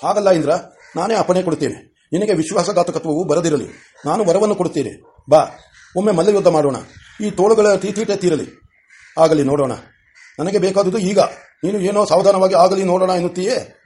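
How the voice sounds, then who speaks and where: A man's voice: high-pitched, brisk, dark tone, lightly acted. A man voicing a mighty, boastful yet friendly male demon king in an audiobook, speaking with a laughing manner. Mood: coaxing. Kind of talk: audiobook character voice.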